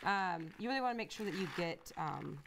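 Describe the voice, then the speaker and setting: Female cooking demonstrator, lower voice, casual, chatty. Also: lively intonation, a little fast, vocal fry, noisy background. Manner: conversational, uses fillers while demonstrating. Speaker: company recipe demonstrator.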